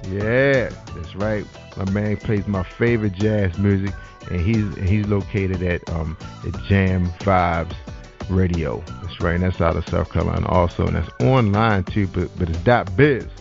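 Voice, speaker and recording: Male internet radio host, chatty and animated, low voice, muffled lo-fi recording. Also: moderate pace, gravelly. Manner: animated, repeats "that's right", gives shout-outs. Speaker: podcast host. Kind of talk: casual internet radio chat. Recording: dull lo-fi sound with faint music.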